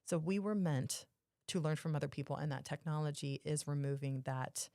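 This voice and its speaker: A woman with a very low voice for her sex talks casually on a podcast. There is a strong fry in it and the sound is dry and close. She explains things emphatically, circling back to rephrase. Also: moderate pace, mellow, no room sound. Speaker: podcast co-host.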